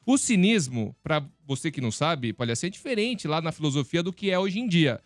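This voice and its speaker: A man's voice: fairly high pitch, very animated, a little fast, no echo, soft background music. A man with a Brazilian Portuguese accent hosting a radio show, explaining a topic in a casual, teasing way to his co-hosts in a studio. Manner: teasing, explanatory, calls co-host "palhacinho". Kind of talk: casual chat.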